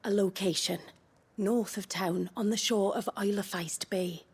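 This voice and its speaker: A woman's voice: medium pitch, fairly even intonation, husky. An actress playing a flirtatious, teasing woman who carries messages, in a video game, with a coy manner. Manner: slow and coy, with frequent laughs. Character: flirtatious, teasing female tavern messenger.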